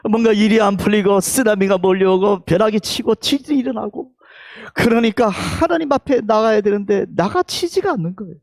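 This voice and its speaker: A male pastor with a Gyeongsang accent preaching a Sunday sermon in a church, with emphatic calls that drop to hushed whispers, leading the congregation to repeat his words. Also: sits high, a little fast, no room sound, clean studio sound. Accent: Gyeongsang Korean. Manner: leads the congregation in call-and-response. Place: church sanctuary.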